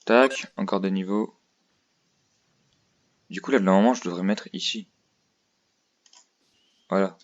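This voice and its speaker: Low-voiced and unhurried, this man leaves long pauses, and the audio is dull with soft background music. He's a gaming video host thinking aloud in a hesitant, rambling let's play, recorded through a noisy headset mic with clicks and clear noise.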